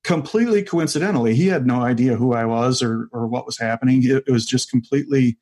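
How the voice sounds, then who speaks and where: A man in his forties, a comedian, telling his story in a casual interview, halting and full of fillers, laughing easily. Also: mid-range voice, darkish tone. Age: 40s. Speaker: guest comedian.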